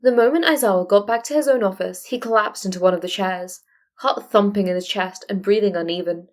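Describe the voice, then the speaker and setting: A woman with a medium-pitched voice narrates fan fiction in a scripted audiobook style, reading a little fast.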